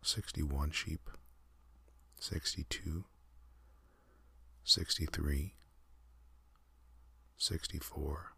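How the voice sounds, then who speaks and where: A man telling a calm ASMR sleep story, counting in a soft, half-whispered, unhurried way. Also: rumbling low, creaky, slightly rough, dry recording.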